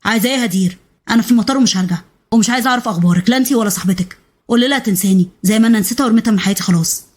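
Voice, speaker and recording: A woman's voice: fairly high pitch, rapid-fire, lightly acted. A woman voicing a bitter, dismissive young man with an Egyptian accent in a storybook reading. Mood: angry. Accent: Egyptian Arabic. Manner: curt, dismissive.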